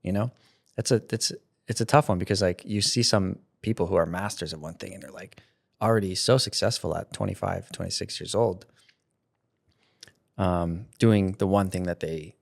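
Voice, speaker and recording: A gravelly, low-pitched man in his thirties speaks at a normal pace as a content creator guest on an interview, chatting casually. He rambles, restarts sentences, and laughs often, recorded on a studio mic with headphones.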